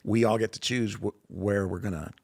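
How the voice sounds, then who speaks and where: A man's voice: lowish voice, steady tone, moderate pace, gravelly, husky, no room sound, studio quality. A man with an Arkansas accent hosting an interview podcast in a folksy, encouraging, conversational way. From Arkansas, United States. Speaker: podcast host.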